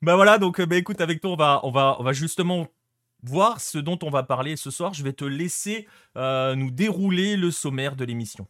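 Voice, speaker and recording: A man's voice: a little high, fairly quick, fairly bright tone, no room sound, clean studio sound. A man hosting a live-streamed show in a casual, chatty way, with frequent hesitations as he greets viewers in the chat. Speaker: host.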